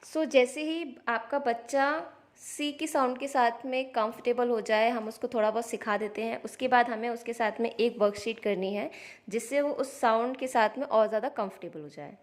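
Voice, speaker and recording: A woman's voice: on the high side, moderate pace. A woman, a parent, patiently explaining how to teach children phonics step by step, sounding out letters in a casual instructional vlog.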